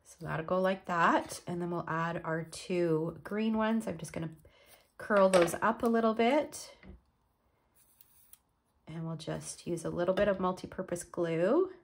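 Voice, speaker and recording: A Canadian woman with a lowish voice walks through a card-making project step by step at a measured pace as she works. She sounds a little stuffed up from a cold in this crafting tutorial.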